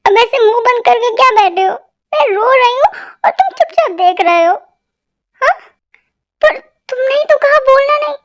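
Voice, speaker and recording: A dramatic young wife, whiny and tearful, played by a woman in a homemade fan dub. Her voice is extremely high-pitched, and it breaks into sobs and accusations. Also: animated, normal speed. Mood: sulky. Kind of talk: amateur Hindi fan dub.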